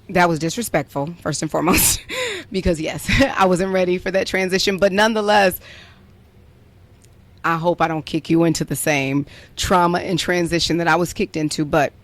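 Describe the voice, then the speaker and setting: A woman's voice: lowish voice, normal speed, long pauses, a bit bright. A young adult woman hosting a podcast, chatting playfully and filling her talk with "like" as she tells a story. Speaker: podcast host. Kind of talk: casual chat, storytelling.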